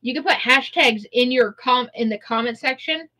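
A woman's voice: a little high, moderate pace, pushed and bright. A woman co-hosting a casual chat with sassy, jokey, mock-attitude banter. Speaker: co-host.

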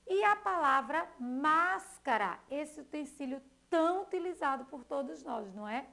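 A woman teacher from Brazil giving a recorded lesson to young children, spelling out letters one by one in a slow, sing-song way. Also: sits high, animated, vocal fry, sharp tone. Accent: Brazilian Portuguese.

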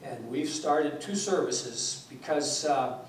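In a mid-range voice at a slow pace, a sixty-something guest pastor raised in Taiwan tells sermon stories in a loose, conversational way, with many fillers and restarts and lots of gesturing. The sound comes from a distant mic in an echoing church hall, with slight background noise.

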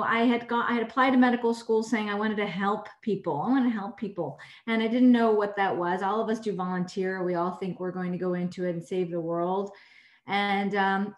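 A woman who is a clinical instructor and surgeon, talking casually and warmly to medical students on a video call, rambling and correcting herself as she goes. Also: mid-range voice. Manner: warm, rambling, self-correcting. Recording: echoey room on a video call.

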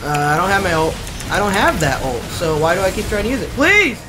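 A male streamer giving live gameplay commentary, excitable and slangy, swearing often and breaking into sudden yelps. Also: high voice, fast, noisy background.

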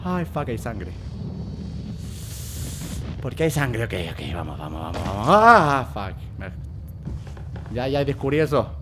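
A man's voice: lowish voice, sing-song, unhurried, pauses often, background noise. A man giving casual let's-play commentary on a horror game, talking himself through each move and yelping when he gets scared. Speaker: gamer playing a horror game.

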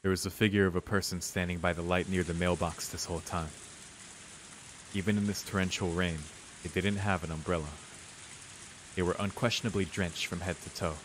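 A young man with a low, deep voice reads visual novel narration aloud as a let's player, adding casual reactions. Rain and hiss are clearly audible behind him.

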